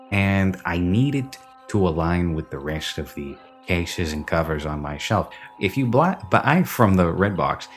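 A low-voiced man hosts a casual film review podcast, rambling, correcting himself and airing strong opinions. His voice rings with reverb from an empty basement. Faint music sits underneath. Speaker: podcast host.

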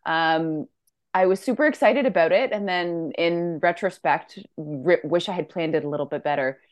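A woman's voice: lowish voice, moderate pace, no echo, dull audio. A bubbly woman on a grainy video call, a dietitian chatting as a guest while short on sleep. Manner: bubbly, laughs often. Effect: grainy video-call audio. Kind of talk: casual chat.

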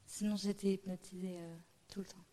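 A woman speaks as an audience member at a public discussion. Her voice is dark and mellow, and her intonation stays fairly flat as she puts her question. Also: mid-range voice, brisk.

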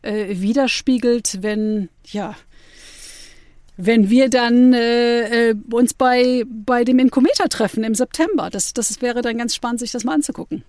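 A woman with a fairly high voice speaks as a guest in a podcast panel. She hesitates often and fills pauses. The sound is dry and close. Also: darkish tone, no echo. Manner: hesitant, many fillers.

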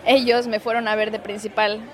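A woman's voice: on the high side, little pitch movement, a little fast, a faint crowd. A woman, a musical theater actress telling a story in a casual interview, with lots of restarts and fillers. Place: outdoors in a city.

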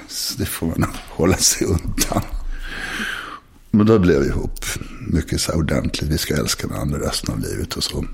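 Low husky man, frank and halting. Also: big pitch swings. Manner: frank, confessional, halting with many restarts. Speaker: guest. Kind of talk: candid personal conversation.

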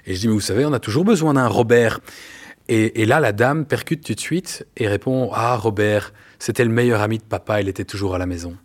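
A man, telling personal stories in an earnest, halting way with many fillers. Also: on the low side. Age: 40s. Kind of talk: casual testimony.

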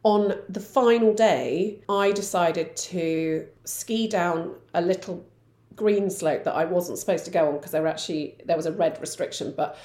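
A woman in her forties co-hosting a podcast, telling stories in an animated, laughing way. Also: fairly low pitch, normal speed. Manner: animated storyteller, laughs often. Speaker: podcast co-host. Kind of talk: casual chat. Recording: roomy echo.

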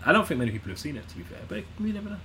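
A man's voice: a little high, sing-song, very fast, a loud crowd. Laid-back man podcast co-host. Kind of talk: casual chat.

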